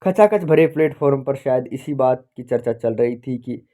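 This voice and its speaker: A man teaching literature by reading a short story aloud slowly, pausing to correct and explain himself. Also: mid-range voice, expressive, dark tone. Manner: slow, deliberate reading with self-corrections.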